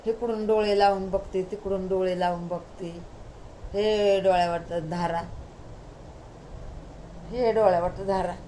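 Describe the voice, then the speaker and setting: A woman's voice: mid-range voice, steady tone, unhurried, long pauses, dark tone, slight background noise, rough recording. A middle-aged woman telling a homespun devotional story at home, repeating each line twice in a rhythmic, heartfelt way. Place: at home at night.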